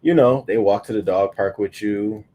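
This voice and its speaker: A man in his thirties hosting a livestream morning show, chatting loosely with profanity and sudden loud bursts into a webcam mic. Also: lowish voice, normal speed, lo-fi sound, a little hiss or hum. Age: 30s. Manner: loose, profane and animated, often bursting louder. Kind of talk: casual livestream chat.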